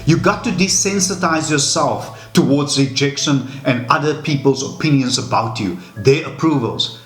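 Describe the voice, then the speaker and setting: A channel host whose first language is Afrikaans gives a reflective personal talk to camera in a fairly high, fairly bright voice. He is earnest and measured, often repeating words, in an echoey room with faint music behind him.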